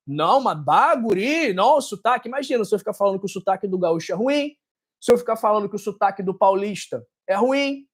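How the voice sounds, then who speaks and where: Speaking with a Carioca accent from Rio de Janeiro, Brazil, this health channel host and doctor has a high voice. He chats casually to camera in response to viewer comments. His manner is blunt and scolding, and he often ends sentences with a tag question.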